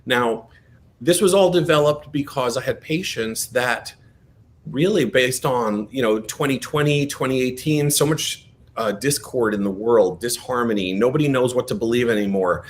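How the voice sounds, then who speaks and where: A man teaching a breathing exercise, giving gentle step-by-step guided instructions in a coaxing manner. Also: normal speed. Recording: noisy background with low rumble.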